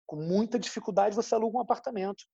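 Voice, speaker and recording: A Brazilian man from Rio de Janeiro, a journalist with a husky voice, explaining his views at length in an interview. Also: sits high, rapid-fire, dark tone, no room sound, muffled recording. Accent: Rio de Janeiro Brazilian Portuguese. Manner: explanatory, thoughtful, frequent "né?" tags. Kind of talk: interview answers.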